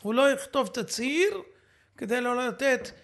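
A man lecturing as a rabbi, indignantly commenting on a recording he stops and replays, at times shouting. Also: extremely high pitch, lively intonation. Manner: fiery, indignant, rising to shouts.

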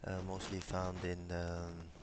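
A young man from Micronesia answering interview questions over a headset on a video call, hesitant and pausing with many fillers. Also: sits low, monotone, background noise. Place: small room with bookshelves, indoors.

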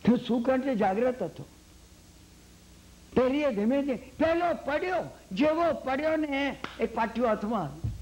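High-voiced man giving a Jain sermon. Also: unhurried. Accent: Gujarati. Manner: lively storytelling, acts out quoted lines, asks the hall "samjya ne?". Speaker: Jain lecturer. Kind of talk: sermon with storytelling.

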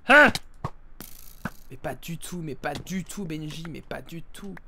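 A young man commentating a live game stream, joking and bursting into yells. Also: fairly high pitch, measured pace, vocal fry, slight background noise. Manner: jokey, excitable, yells in sudden bursts. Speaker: gaming streamer.

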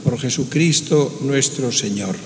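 A man with an accent from Spain leads a funeral Mass as priest, preaching and praying in solemn, measured short phrases in a cathedral echo. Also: medium pitch, noisy background. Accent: Spanish from Spain. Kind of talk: solemn homily and liturgical prayer. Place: large church, indoors. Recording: cathedral echo, long reverberant church hall.

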